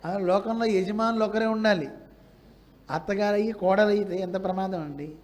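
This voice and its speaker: Religious teacher preaching to a gathering, high-pitched voice, lively storytelling, jumps into different characters' voices. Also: male voice, normal speed. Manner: animated, acts out dialogue in many voices. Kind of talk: devotional sermon storytelling.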